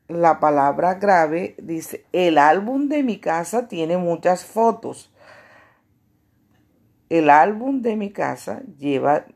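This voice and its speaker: A woman teacher giving a grammar lesson to children, explaining slowly and asking herself questions. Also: on the low side, mellow. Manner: slow, deliberate explaining with rhetorical questions.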